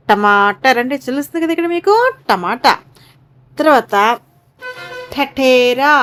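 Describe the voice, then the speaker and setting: A woman teaching a Hindi lesson to young pupils, saying each word twice and coaxing them to repeat after her. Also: a little high. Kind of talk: slow Hindi lesson for children.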